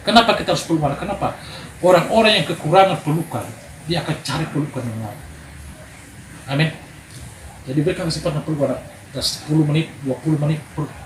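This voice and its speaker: A man's voice: fairly high pitch, fast talker, pauses often. A man preaching a sermon, telling stories with energy and calling for amens. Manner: animated storytelling, calls for amen. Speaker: preacher at a men's gathering. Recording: echoey room with background noise.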